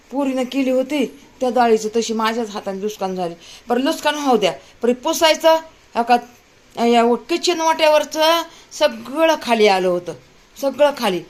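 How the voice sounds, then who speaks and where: A middle-aged woman chats casually to her viewers while she cooks. She sounds exasperated and keeps complaining as she works. Her voice sits a little high, and it carries the feel of a home kitchen caught on a phone. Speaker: home vlogger.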